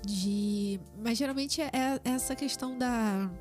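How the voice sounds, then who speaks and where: A woman's voice: a little high, a little slow, darkish tone, soft background music. A woman with a Brazilian Portuguese accent, a tattoo artist and podcast guest, speaking earnestly and reflectively in casual chat.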